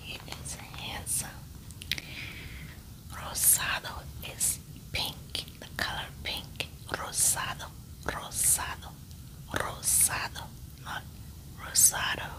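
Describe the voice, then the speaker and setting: A Spanish teacher with a Spanish-speaking accent and rolled r's whispers slowly and softly through a vocabulary lesson in ASMR style. She repeats each word with care. The audio quality is poor.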